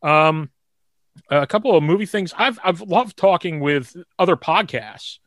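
Male podcast co-host, slightly higher voice, close dry mic, loose rambling delivery. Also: measured pace, fairly bright tone, no echo. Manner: rambling, many fillers and restarts. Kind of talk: casual chat.

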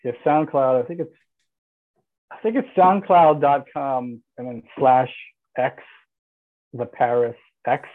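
A man's voice: medium pitch, takes it slowly, pauses often, narrow, tinny audio. A man talking casually as a podcast guest about his film and music work, hesitant with many restarts and fillers. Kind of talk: casual interview chat.

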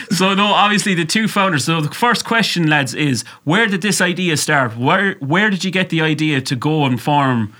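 A man's voice: fairly high pitch, expressive, takes it slowly, pushed and bright. A man with a west of Ireland accent hosting a casual podcast interview, jovial and fond of sweary banter. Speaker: podcast host.

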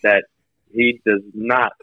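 A man calling in by phone as a podcast guest, giving blunt, candid feedback in casual chat, his voice thin with no bass. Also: level tone, slow pace, dry recording. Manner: blunt, candid critique, loose with swearing. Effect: thin phone line with no bass. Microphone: phone speakerphone. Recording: dull, thin phone-call audio.

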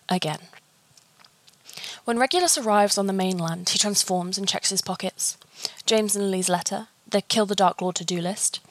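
Woman narrator, mid-pitched, reading a story steadily; close, dry recording. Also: no room sound. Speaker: fan fiction reader.

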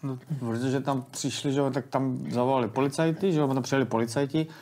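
A man's voice: medium pitch, steady tone, darkish tone. A man in his thirties, an interview guest, telling a long story in casual, rambling speech with many restarts. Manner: rambling, colloquial, frequent restarts.

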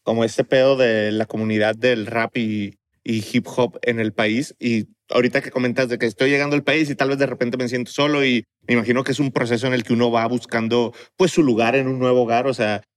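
A man's voice: mid-range voice, steady tone, fairly quick, few pauses. Male interviewer, Mexican accent, medium voice, casual and roundabout.

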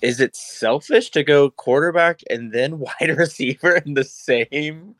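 A man's voice: a little high, measured pace, a bit bright, dry recording. A man co-hosting a podcast in casual chat, playful and laughing often. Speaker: podcast co-host.

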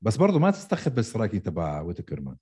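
A man with a Palestinian or Jordanian Levantine Arabic accent and a husky, fairly low voice. He debates sports casually at a rapid clip, pressing his points by repeating them. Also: huge pitch swings, darkish tone. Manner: argumentative, repeats himself insistently.

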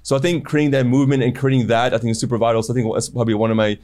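A man's voice: medium pitch, level tone, rapid-fire, darkish tone. A man talking as a guest on a podcast, rambling with many fillers and restarts. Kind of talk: casual interview talk.

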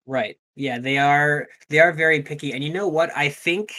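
A man's voice: on the high side, moderate pace, bright, forceful tone. A man co-hosting a casual gaming news podcast, talking loosely, swearing offhandedly and often restarting his sentences. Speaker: podcast co-host.

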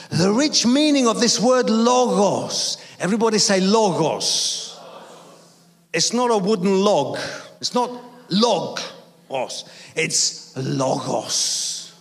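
A man's voice: high-pitched, long reverb tail. A man from London, raised speaking Greek, preaching an emphatic sermon with jokes and call-and-response. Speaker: evangelist preacher. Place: church hall.

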